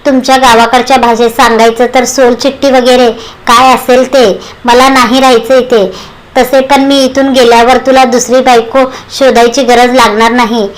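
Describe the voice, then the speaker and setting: A furious young wife who gives sharp, stubborn answers in a storybook reading, voiced by a woman. She speaks in a high voice. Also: little pitch movement, moderate pace, close to an everyday voice, low-quality recording. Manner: angry and cutting.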